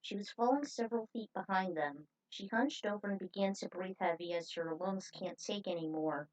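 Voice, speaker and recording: Chatty and informal, a woman reads fan fiction aloud as host, her mid-range voice a little mellow and her pace moderate. It all comes through a dull, muffled lo-fi recording.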